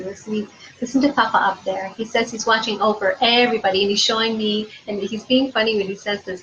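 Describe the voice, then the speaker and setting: Woman, psychic medium, soft and unhurried, lots of ums, dull lo-fi sound, faint hiss. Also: mid-range voice. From Prince Edward Island, Canada. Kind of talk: live-stream spirit readings.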